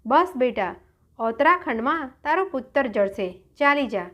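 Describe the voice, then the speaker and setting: A woman's voice: high voice, animated, measured pace, sharp tone, heavily acted. A woman playing a motherly serpent queen. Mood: soothing.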